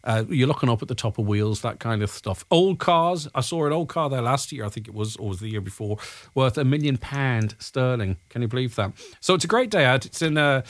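Male radio host, Donegal Irish accent, casual live chat, mid-pitched, wandering asides, dry studio sound. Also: lively intonation, a little fast, no room sound. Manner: chatty, rambling asides.

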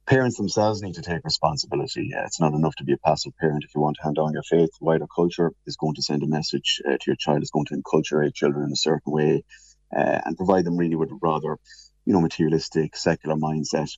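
A man's voice: extremely low pitch, steady tone, darkish tone. A man giving careful, hesitant commentary as a radio interview guest from his office, with an alarm beeping behind him. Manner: measured, hesitant, careful explaining. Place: office, on a remote link. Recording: muffled, echoey office, husky-sounding remote link.

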